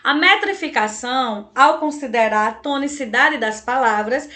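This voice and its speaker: A woman's voice: sits high, moderate pace, bright, forceful tone. A woman teacher with a Brazilian accent giving an online class, checking in with her students every few lines. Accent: Brazilian Portuguese. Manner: frequent check-ins with "tá, gente?" and "certo?". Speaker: Portuguese teacher.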